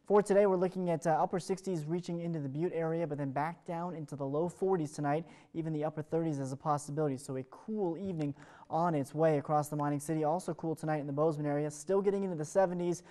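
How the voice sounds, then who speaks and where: Delivering a TV weather forecast at a quick clip, an American man speaks in a fairly high, softly mellow voice with a steady tone. He comes across as chatty and upbeat, like an ad-libbed morning show bit.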